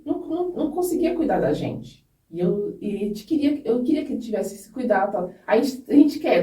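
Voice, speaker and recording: A woman tells her personal story on a podcast, earnest and open, often breaking off to restart a thought. Her voice is mellow and relaxed, and it sounds a little distant from the mic in a noticeably echoey room. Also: mid-range voice. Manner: earnest and candid, with frequent restarts. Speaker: podcast guest.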